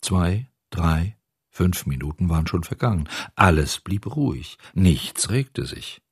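A man reading a children's storybook aloud with expressive, animated narration. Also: low-pitched, takes it slowly, breathy edge, dry recording, clean studio sound.

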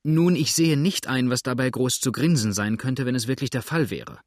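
A man reading an audiobook voices a gruff, grumbling older frontier rider with a curt manner. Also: mid-range voice, lively intonation, moderate pace, dry recording, studio quality. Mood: defensive.

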